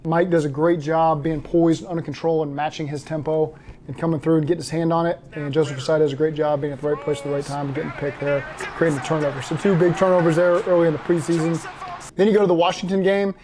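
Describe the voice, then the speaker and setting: A head coach answering interview questions and then breaking down game film in a steady, matter-of-fact way. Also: male voice, fairly high pitch, slight background noise.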